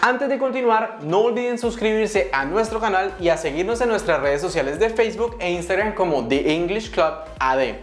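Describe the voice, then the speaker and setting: A woman teaching an English grammar lesson, lively and leaping up high on questions, slowing down to spell out example words. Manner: lively, bursts up high on questions and calls to attention. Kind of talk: video English lesson for Spanish speakers. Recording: roomy sound with soft background music.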